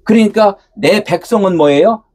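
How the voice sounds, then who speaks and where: A pastor preaching a sermon, asking his listeners questions and answering them himself, at times raising his voice to a shout. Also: sits high, normal speed. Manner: asks the congregation rhetorical questions and answers them.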